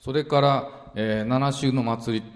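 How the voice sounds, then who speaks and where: A man preaching a relaxed, chatty Bible teaching sermon, full of fillers and asides. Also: medium pitch, measured pace. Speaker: pastor. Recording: long reverberant hall sound.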